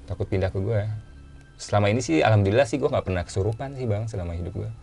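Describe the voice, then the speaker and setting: A man with a casual way of talking, telling his own story as a guest in a relaxed chat and repeating phrases for emphasis. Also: lowish voice, fast talker, gravelly, faint music behind.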